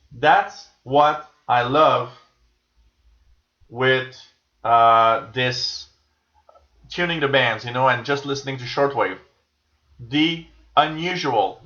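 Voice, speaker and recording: A man's voice: mid-range voice, sharp tone. A man hosting a live shortwave tuning stream, talking casually and musingly as he relays listeners' signal reports. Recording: dull, echoey room sound.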